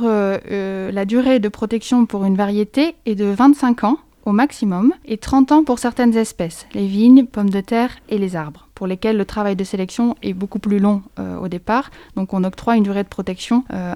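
A woman from France, a guest in an interview, explaining things in a clear, composed, informative way. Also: medium pitch, normal speed, hardly any pauses, warm tone, no echo. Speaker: guest, agronomist at agency. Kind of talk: interview answers.

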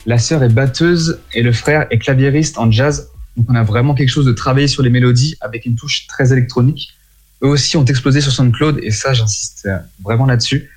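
A man presenting and explaining a music genre in French, in a clear explanatory way, with small slips he apologizes for. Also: medium pitch, brisk.

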